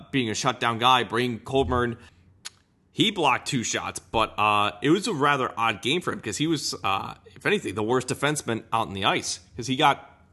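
A man giving unscripted hockey game analysis as a podcast host, halting and repeating himself as he searches for words. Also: mid-range voice, bright, forceful tone.

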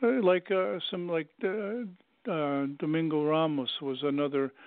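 Older male professor guest, fairly high voice, dry tinny call line, rambling with many fillers. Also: fairly even intonation, a little slow, clear, resonant tone, dry recording. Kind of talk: conversational interview. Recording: tinny phone-like call audio.

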